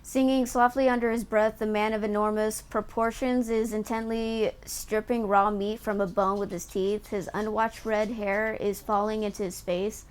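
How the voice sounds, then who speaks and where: A woman's voice: medium pitch, little pitch movement, normal speed, few pauses, clear, resonant tone. A woman game streamer reading on-screen story text aloud and chatting in an amused way as she explains it. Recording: faint background noise.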